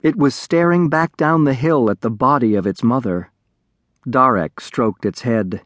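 A man narrating a children's audiobook in a close studio recording, with an expressive, varied storytelling voice. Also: mid-range voice, measured pace, dry recording.

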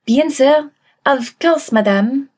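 A woman voicing a polite young maid with a French accent and formal, halting English. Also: sits high, a little mellow, pitched above the performer's own voice. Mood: polite, hesitant.

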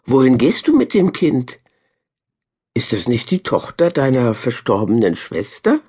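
A woman's voice: a bass voice, big pitch swings, unhurried, dark tone, husky, exaggerated voice. A woman voicing an anxious, gossipy village farm woman in a storybook reading, fretful and emphatic. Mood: friendly.

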